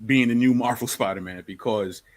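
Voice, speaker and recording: A man's voice: mid-range voice, a little fast. A man hosting a casual movie review podcast. He backs up the others often and keeps the talk moving. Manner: affirming, lots of back-channel agreement.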